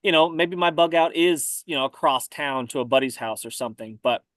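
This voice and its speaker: A man talking casually about survival gear, relaxed and often repeating words as he thinks. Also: fairly high pitch, a little fast, no room sound. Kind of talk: casual conversation.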